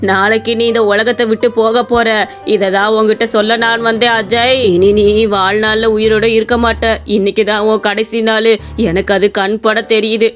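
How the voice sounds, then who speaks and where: A woman voicing a solemn male astrologer who slowly pronounces doom in an animated story. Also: on the high side, highs cut off, faint music behind, lightly acted. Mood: ominous. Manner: slow, doom-laden pronouncements.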